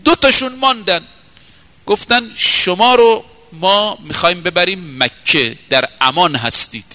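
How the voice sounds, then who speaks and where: A man preaching a sermon, telling a story dramatically and moving between raised exclamations and hushed, slowed passages. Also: high-pitched, big-room sound.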